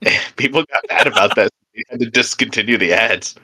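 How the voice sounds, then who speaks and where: Bright-voiced young man rambling casually. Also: on the low side, a little fast, breathy edge. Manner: rambling, filler-heavy, laughs easily. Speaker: podcast co-host. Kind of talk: casual chat.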